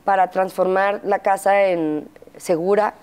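Mellow-voiced Mexican woman recounting, halting. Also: medium pitch, steady tone, smooth. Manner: halting, frequent fillers, acts out quotes. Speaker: interview guest, mother. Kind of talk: candid interview testimony.

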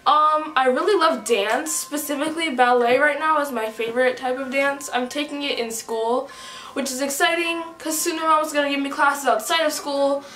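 A 15-year-old East Coast American girl, a vlogger on a shared channel, does a casual get-to-know-me chat to camera in her small bedroom. Her high, pushed, bright voice holds a steady tone at normal speed as she rambles upbeat with plenty of "like" and "whatever". The close camera mic gives a low-quality, echoey sound.

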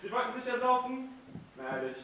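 A man's voice: very high-pitched, moderate pace, heavily acted. Man playing a sneering army colonel. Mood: scornful. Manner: mocking, contemptuous, lively. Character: scornful, arrogant older army colonel. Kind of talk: stage play performance. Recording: echoey hall, mic far off, faint noise.

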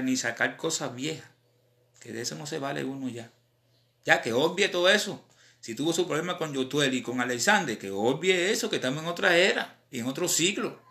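A man with a Cuban accent, a rapper chatting casually on a live stream in animated, slang-filled talk. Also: fairly high pitch. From Cuba.

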